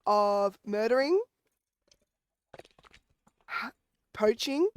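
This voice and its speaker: A woman's voice: on the high side, animated, extremely slow, clear, resonant tone. A woman playing prosecutor in a game role-play, hesitant and often stumbling over her words. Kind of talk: playful role-play chat.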